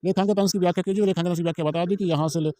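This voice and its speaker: Fast-talking male exam tutor. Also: high voice, steady tone, warm tone, no room sound. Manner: repetitive, asks and answers his own questions; walks through a page, pointing at lines. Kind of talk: informal exam-prep tutorial.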